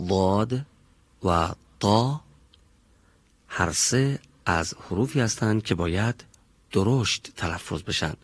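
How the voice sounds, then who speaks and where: Guy teaching pronunciation in class, lowish husky voice, spells out each sound real slow. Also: no echo. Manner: slow and deliberate, drawing out each sound as he demonstrates it. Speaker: Quran recitation teacher. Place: classroom with students.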